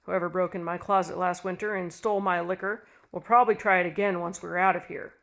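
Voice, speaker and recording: A woman doing a cold, vindictive husband in a spoken story, harsh and growling as he dismisses his wife. He sounds calm, amused and merciless. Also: fairly low pitch, brisk, vocal fry. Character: ruthless cold middle-aged husband.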